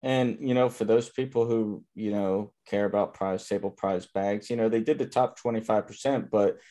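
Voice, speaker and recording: A man's voice: on the low side, fairly even intonation, moderate pace, dark tone. A man from Miami, Florida, chatting in an easygoing way and saying "you know" a lot. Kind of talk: casual chat.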